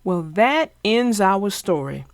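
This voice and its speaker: A woman reads a children's storybook aloud, explaining things to young listeners in an emphatic, instructive way. Her medium-pitched voice is sing-song and slow, recorded with clean studio sound and no room sound.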